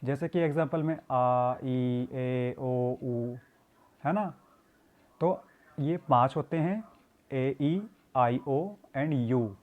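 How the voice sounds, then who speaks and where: A man's voice: medium pitch, very slow, phone-quality sound. A man teaching an English grammar lesson, explaining in Hindi mixed with English and calling his students "beta".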